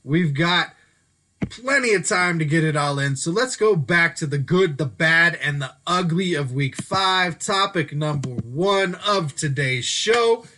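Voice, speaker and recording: Bright-voiced casual male sports host. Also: on the high side, lively intonation, unhurried. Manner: casual, chatty, self-correcting. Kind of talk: solo sports commentary talk. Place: Denver.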